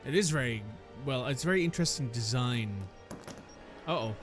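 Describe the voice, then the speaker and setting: A man's voice: mid-range voice, lively intonation, fairly quick, faint music behind. A man giving casual commentary while playing a video game, speaking with wry understatement. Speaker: let's player.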